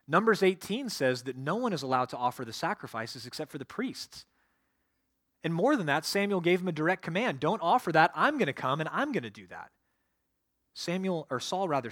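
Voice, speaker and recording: A male pastor delivers a sermon, reading scripture passages aloud and then explaining them verse by verse. His voice sits somewhat high for a man. The sound is dry, with little room echo. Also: a bit bright.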